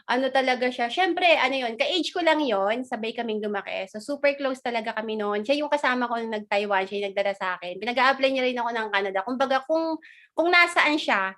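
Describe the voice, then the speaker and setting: A woman with a fairly high voice talks casually on a video call. She is chatty and animated, and she drops in quick asides as she goes. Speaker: guest speaker. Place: abroad, in Australia.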